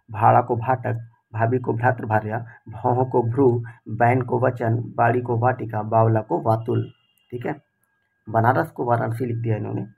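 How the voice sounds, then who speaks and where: Gravelly-voiced teacher reading word lists. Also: male voice, medium pitch, warm tone. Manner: brisk, repetitive, with frequent fillers. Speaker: Hindi teacher. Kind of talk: exam-prep lesson, reading word lists.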